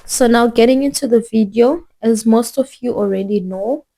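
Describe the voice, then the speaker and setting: A young adult woman from Zimbabwe vlogs casually to her phone camera in a loose, rambling style. Her voice is mellow, warm and on the high side, her pace is moderate, and she keeps circling back with fillers and restarts.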